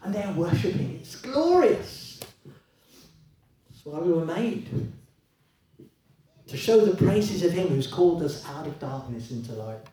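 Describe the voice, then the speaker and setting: A man preaching a sermon in a church, conversational and lively, with many rhetorical questions to the congregation. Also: fairly high pitch, takes it slowly, pauses often, a little hiss or hum. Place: church hall. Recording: echoey hall, voice from a distance.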